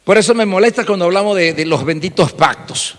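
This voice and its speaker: A male pastor preaching an animated sermon, firing off rhetorical questions and mimicking church members. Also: high-pitched, a little fast. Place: church hall. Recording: long church reverb.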